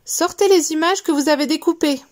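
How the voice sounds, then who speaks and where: A woman voicing a shrill, nervous schoolteacher who shouts orders in a storybook. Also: a little fast, natural voice. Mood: stern.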